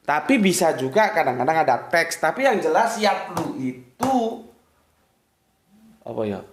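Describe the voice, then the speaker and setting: A man gives a casual religious lesson, talking straight to his listeners and checking that they follow along. His voice sits a little high for a man. The room around him is echoey. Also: big pitch swings, a little slow, slight background noise. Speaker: religious teacher. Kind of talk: informal religious lecture.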